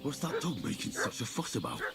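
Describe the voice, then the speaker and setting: Earnest young bodyguard in a medieval game: direct, courteous, very animated, over music. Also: male voice, mid-range voice, brisk, creaky. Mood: wary. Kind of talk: video game voice acting.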